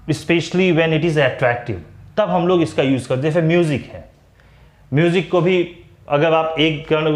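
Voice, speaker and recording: A man with an Indian English accent giving a grammar lecture in a mix of Hindi and English. He slows right down to spell out each English example sentence. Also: a little high, roomy sound.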